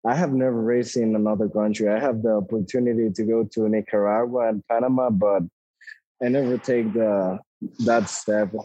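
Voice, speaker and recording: A man's voice: fairly low pitch, fairly even intonation, moderate pace, dark tone, dry recording, dull audio. A man in his twenties from Costa Rica with a Costa Rican Spanish accent, a native Spanish speaker talking easygoingly as an interview guest, often hedging with "like". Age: 20s. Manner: easygoing, laughs often, hedges with like. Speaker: guest, ATV racer. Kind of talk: casual interview.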